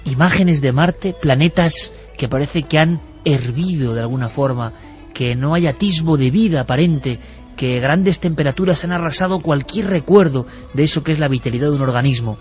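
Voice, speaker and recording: Reflective radio host, slightly high voice. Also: male voice, normal speed. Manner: reflective, lyrical, addresses listeners. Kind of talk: radio talk show. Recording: dull radio audio with faint music.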